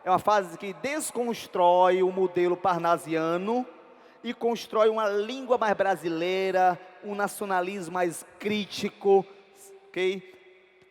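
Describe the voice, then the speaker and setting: Brazilian man, teacher, high voice, long hall reverb, checks in with tag questions constantly. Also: slow pace. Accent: Brazilian Portuguese. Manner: peppers talk with tag questions. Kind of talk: exam prep lecture.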